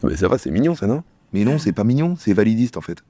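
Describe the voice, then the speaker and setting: A man acting out a bickering comedy sketch dialogue, trading quick lines between two characters. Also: fairly low pitch, sing-song, dark tone.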